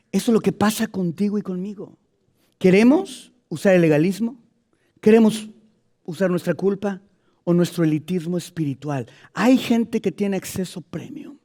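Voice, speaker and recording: A man preaching a sermon to a congregation, telling stories lively and moving between quiet asides and loud emphatic passages. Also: high voice. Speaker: pastor.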